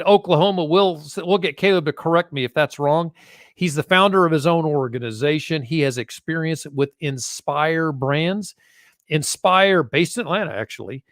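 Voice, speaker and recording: A man's voice: fairly high pitch, a bit bright, no echo. Chatty man hosting a podcast, dry sound. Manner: chatty, jokey, self-deprecating. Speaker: host. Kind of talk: casual interview podcast.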